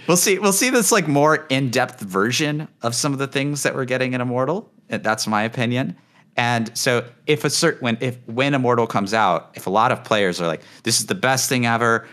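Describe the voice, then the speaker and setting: A man hosting a casual gaming chat, rambling with lots of fillers and trailing off quietly at the ends of thoughts. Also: medium pitch, expressive, moderate pace. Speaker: gaming channel host.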